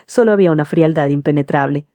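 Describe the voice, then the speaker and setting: A middle-aged woman reads a first-person story in a calm, earnest manner. Her voice is low and dark-toned. The recording is close and dry. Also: fast talker, no room sound. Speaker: narrator. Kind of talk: scripted first-person narration.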